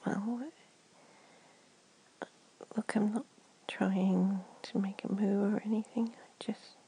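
A woman in an ASMR comfort roleplay, talking in a soft, gentle whisper. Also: medium pitch, little pitch movement, slow, breathy edge. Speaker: ASMR performer.

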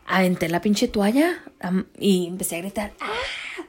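A woman's voice: medium pitch, moderate pace, husky. A young woman casually telling a story as a vlogger, chatty and slangy, slipping into English words. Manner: chatty, slips into English, slangy and animated in retelling.

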